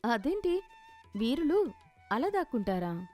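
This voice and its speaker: A woman voicing a bold village wife in an animated story who needles her husband. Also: fairly high pitch, a little slow, soft background music. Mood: mocking. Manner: mocking and needling.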